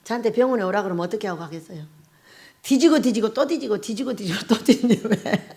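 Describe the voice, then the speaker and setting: A middle-aged woman pastor delivers a chatty, conversational sermon. Her voice sits high and moves through a very lively range of pitch. She keeps putting questions to the congregation and often breaks into laughter. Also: fast talker. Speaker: pastor and prayer house director.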